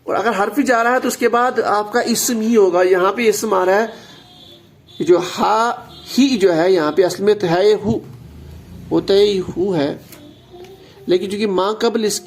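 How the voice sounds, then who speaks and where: A man's voice: high voice, creaky. A man teaching an Arabic grammar lesson, patient and explanatory, repeating key words and slipping in English terms.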